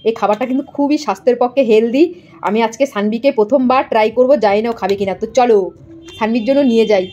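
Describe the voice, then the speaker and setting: A woman's voice: on the high side, rapid-fire, mellow, muffled recording, soft background music. A young woman, a mother, chatting to viewers as she explains each step of making her toddler's dinner in her home kitchen. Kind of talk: casual home cooking vlog narration.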